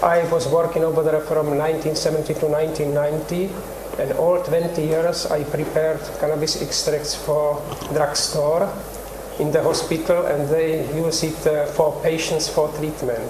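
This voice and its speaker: An older man with a Czech accent, a researcher explaining his work haltingly, with many pauses, in a TV studio interview. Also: a little high, little pitch movement. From Czech Republic. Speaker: cannabis researcher guest. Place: TV studio set. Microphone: lapel mic. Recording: roomy studio with background noise.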